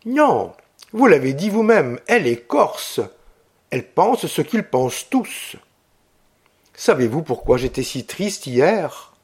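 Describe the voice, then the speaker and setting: A man's voice: on the high side, very animated, slow, husky, full character voice. A man reading an audiobook, voicing a proud, gloomy young Corsican officer who speaks earnestly. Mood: brooding. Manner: earnest and brooding.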